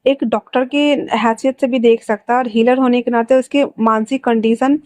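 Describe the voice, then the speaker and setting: A woman narrates a homemade romance story in a loose, conversational way, stopping now and then to speak straight to her listeners. Her voice is fairly high yet mellow and soft-edged. The recording is close and dry. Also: steady tone, moderate pace, no room sound. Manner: chatty, addresses listeners directly. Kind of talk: casual fan-fiction narration.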